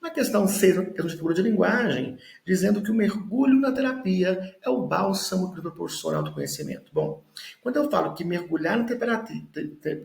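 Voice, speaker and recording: A man leads an exam-prep lesson, walking through each point slowly and pausing to check understanding. His voice sits a little high and carries heavy fry. The room around him rings with echo. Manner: explains step by step, tags lines with "né?". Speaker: teacher. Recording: echoey room.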